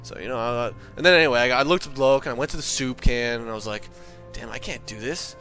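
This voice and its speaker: A man telling a comedic rant story, excitable, profane and boastful. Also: medium pitch, fast, clean tone, soft background music.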